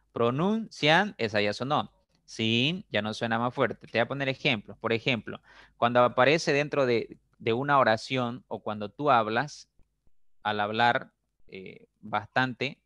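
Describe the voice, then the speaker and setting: A male teacher giving a recorded lesson, patient and repetitive, often checking understanding and stretching words slowly to show stress. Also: medium pitch, fairly bright tone, no room sound, clean studio sound.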